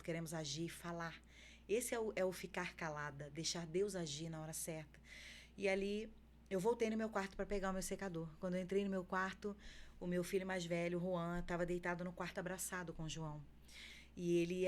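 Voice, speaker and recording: A woman's voice: fairly low pitch, darkish tone, slight background noise. A woman with a Brazilian Portuguese accent, a podcast guest telling an emotional faith testimony with fervent feeling.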